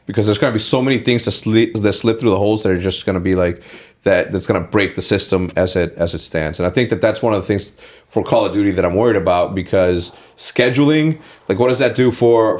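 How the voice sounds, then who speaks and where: A man's voice: lowish voice, a little fast. Rambling man in his late thirties. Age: late 30s. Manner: rambling, opinionated, many fillers. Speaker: podcast host. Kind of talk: casual sit-down chat.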